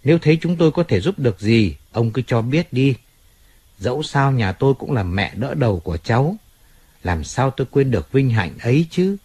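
A husky-voiced man reading the part of a stern older mafia boss who speaks coldly and deliberately in an audiobook. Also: medium pitch, sing-song, darkish tone, no echo. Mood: reproachful. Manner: cold and measured. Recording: faint music in background.

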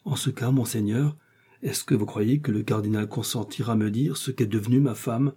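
Man voicing a frightened middle-aged mercer, pleading, anxious, husky, mellow. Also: medium pitch, moderate pace. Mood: timid.

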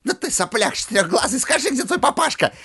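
A man's voice: very high-pitched, big pitch swings, fast talker, bright, forceful tone, husky, pitched above the performer's own voice, heavily acted. A man voicing a spiteful, taunting middle-aged junkyard owner in an audiobook, sneering as he jeers. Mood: jeering. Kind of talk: audiobook character voice.

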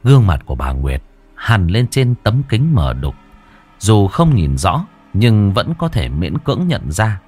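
A man narrating a scripted horror story in a dramatic, drawn-out storytelling manner. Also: on the low side, big pitch swings, darkish tone, breathy edge. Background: faint music.

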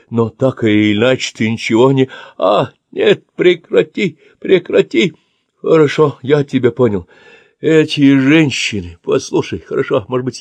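A man's voice: gravelly, darkish tone, no room sound. A man voicing a bound, abusive old man in his seventies who shrieks and curses. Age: 70s. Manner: shrill, shrieking, cursing.

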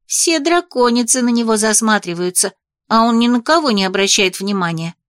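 A woman voicing an excitable, gossipy young female dragon who gushes breathlessly, in an audiobook. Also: a little high, normal speed, no echo, clean studio sound, close to an everyday voice. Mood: gushing. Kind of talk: audiobook character voice.

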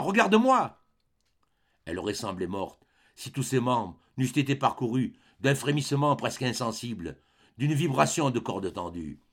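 Expressive male audiobook narrator. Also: mid-range voice, gravelly. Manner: expressive, measured dramatic reading. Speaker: audiobook reader. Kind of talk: scripted literary narration.

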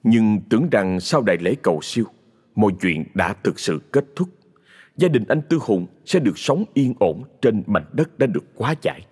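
Male horror narrator, lowish husky voice, lively delivery, long reverb over faint music. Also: moderate pace. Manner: dramatic, expressive.

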